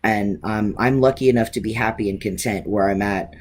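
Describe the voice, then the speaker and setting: A man in his thirties answering viewer questions in a casual, candid vlog, relaxed with frequent ums and expressive inflections. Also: on the low side, a little fast, breathy edge. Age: 30s.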